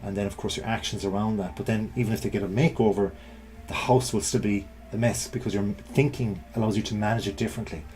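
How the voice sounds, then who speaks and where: A man's voice: fairly low pitch, fairly even intonation, fast, darkish tone. A middle-aged man presenting an informal explanatory talk, conversational, often checking in with the listener. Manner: conversational, rhetorical check-ins.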